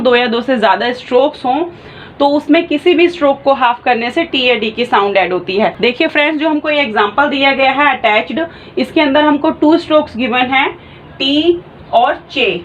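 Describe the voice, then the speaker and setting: A woman's voice: high-pitched, a bit bright, lo-fi sound, a little hiss or hum. A woman teaching a shorthand class online. She explains patiently and spells out sounds step by step.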